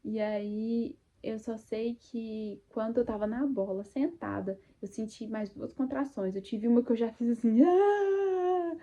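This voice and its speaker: A young Brazilian woman casually and emotionally telling her own birth story to viewers, speaking warmly about her faith and acting out her own cries. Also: on the high side, fairly even intonation, a little slow, few pauses, lo-fi sound. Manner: faith-filled, addresses viewers as "gente". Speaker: vlogger sharing birth story.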